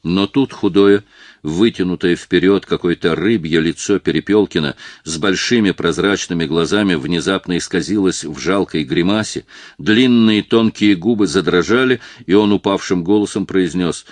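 A man narrating a novel in an expressive storytelling manner. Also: deep voice, moderate pace, no echo. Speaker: audiobook narrator. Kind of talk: scripted narration.

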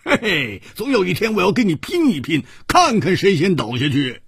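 A man voicing a boisterous, hard-drinking male swordsman who talks loudly and laughs as he speaks. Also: fairly high pitch, huge pitch swings, moderate pace, slightly rough, no room sound, voice pushed up, exaggerated voice. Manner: loud, laughing, blustering.

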